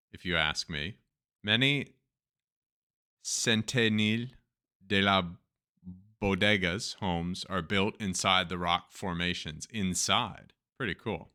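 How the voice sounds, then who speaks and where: A man's voice: low-pitched, pushed and bright, smooth. A man with a Turkish accent who hosts a show, reading news stories aloud and adding chatty, joking asides. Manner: reads text then adds chatty, joking asides. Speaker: host.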